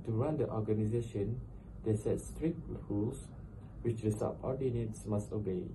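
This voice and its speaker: A man's voice: on the low side, moderate pace. A young man reading out a scripted slide presentation as a student presenter. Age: young adult. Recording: distant mic with clear noise.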